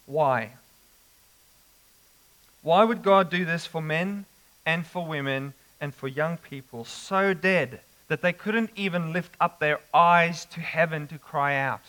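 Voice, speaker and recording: A man preaching an expository sermon, slow and emphatic with dramatic pauses. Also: on the high side, pushed and bright, rough recording.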